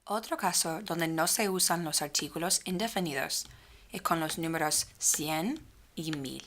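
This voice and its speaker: A woman teaching a grammar lesson, speaking slowly and clearly and drawing out the example sentences. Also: low-pitched, a bit bright. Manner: slow, clearly spaced speech with stretched example phrases. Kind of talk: slow, careful grammar lesson.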